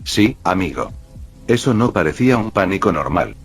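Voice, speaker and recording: An easygoing teenage boy sidekick who usually cracks jokes, read by a man with a low voice. The sound is deep and husky, with light music faintly under it. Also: very animated, normal speed, full character voice. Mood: casual.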